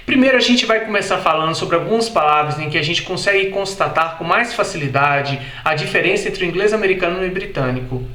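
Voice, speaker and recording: Brazilian guy teaching a video lesson, slightly high voice, repeats words slow and careful, echoey room. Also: animated, pushed and bright. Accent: Brazilian Portuguese. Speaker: English teacher.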